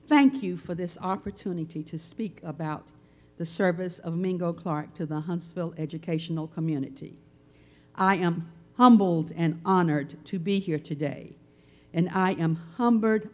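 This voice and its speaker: An older woman, giving a measured, earnest and reflective speech at a memorial tribute. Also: on the low side.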